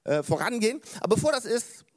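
A man voicing a boastful, excited boss who heaps praise on his workers. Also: very high-pitched, quick pace, pitched above the performer's own voice, heavily acted. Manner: gushing, exclamatory. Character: boastful excited male boss, tanned and energetic.

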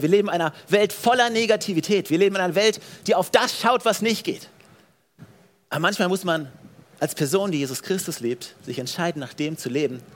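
A man preaching a sermon in a church as pastor, asking the listeners questions, often repeating words and restarting phrases, and letting his phrase endings fall soft and low.

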